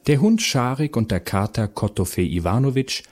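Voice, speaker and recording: A man narrating a children's fairy tale aloud in a slow, expressive storytelling manner. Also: medium pitch.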